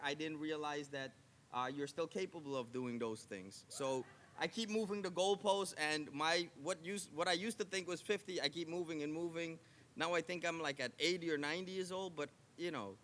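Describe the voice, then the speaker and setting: A man's voice: a little high, expressive, moderate pace, fairly bright tone, a little hiss or hum. A man speaking casually and reflectively as a participant at an event.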